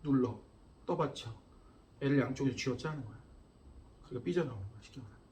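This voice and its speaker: A physics teacher at a cram school lectures his class in a fast, medium-pitched, darkish voice, blunt and coarse, scolding students and repeatedly checking that they're keeping up. The recording comes from far off in an echoey classroom, with a little hiss or hum.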